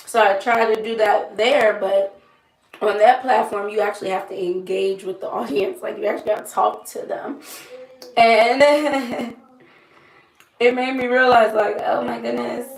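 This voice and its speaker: Young woman, strained throaty creaky voice. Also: medium pitch. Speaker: makeup vlogger. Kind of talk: casual chatty get-ready-with-me. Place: small room indoors. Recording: roomy echo, light background noise.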